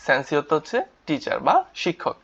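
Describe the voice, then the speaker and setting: Male language teacher, slightly high voice, patient drilling, repeats each word, dull lo-fi recording. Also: animated, a little fast, fairly bright tone, slightly rough. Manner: repeats words, asks and answers his own questions. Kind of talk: vocabulary lesson with spelled-out syllables.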